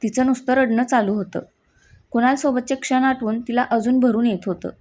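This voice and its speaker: Mellow woman narrating a story. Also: on the high side, fairly even intonation, moderate pace.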